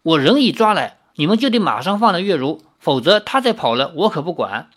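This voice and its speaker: A hot-headed young male swordsman , voiced by a narrator, who rushes his words out impatiently. He sounds insistent and pressing, a little raised above a calm voice. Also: medium pitch.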